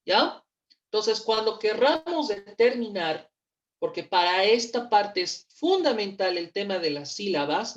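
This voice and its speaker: Woman teacher, unhurried, patient, slightly muffled online class mic. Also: mid-range voice. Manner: patient, slow, repeats words for pronunciation. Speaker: English teacher. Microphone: computer mic on a video call.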